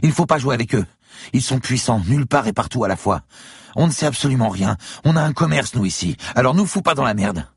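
A man voicing a tough, foul-mouthed woman bar owner in a thriller audiobook, speaking shrill and loud. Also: animated, fairly quick, breathy edge, no echo, studio quality, heavily acted. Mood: defiant.

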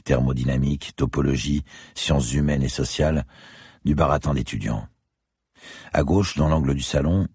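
A man narrating a crime novel in the first person, wry and measured. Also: extremely low pitch, warm tone, slightly rough, no echo, clean studio sound. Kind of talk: audiobook narration.

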